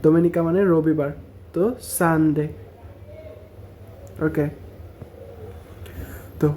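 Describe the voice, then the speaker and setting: Male tutor, unhurried, drills words syllable by syllable in a warm, low-key voice. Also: slight background noise. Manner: repeats each word slowly, syllable by syllable. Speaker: Italian teacher. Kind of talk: language lesson.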